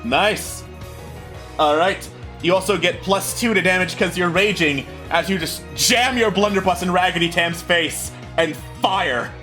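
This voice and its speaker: A man's voice: high-pitched, a little slow, pushed and bright. A man narrating a tabletop game as game master. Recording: background music under the voice.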